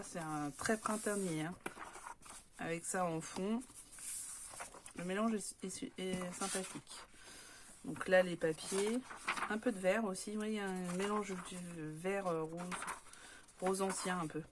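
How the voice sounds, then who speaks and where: A French woman, a scrapbooking vlogger, chats casually while showing off craft papers, filling her speech with hesitant fillers. Her voice sits on the low side, and she talks at a measured pace with long pauses against a noisy background.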